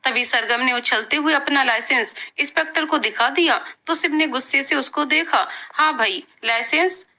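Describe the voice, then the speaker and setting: A woman narrates a scripted story in a steady, clear way. Her voice is high and bright. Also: normal speed, hardly any pauses.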